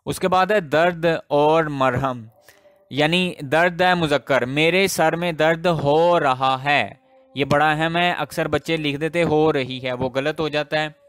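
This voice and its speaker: Slow, deliberate male grammar teacher. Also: on the high side, a bit bright, clean tone. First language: Urdu. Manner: explains slowly with example sentences and repeats key words. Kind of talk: grammar lesson.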